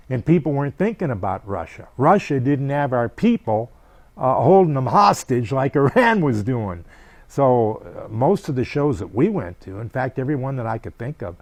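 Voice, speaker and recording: A man's voice: medium pitch, darkish tone, no echo. A man, a wrestling insider, reflecting in an interview, analytical with wry chuckles.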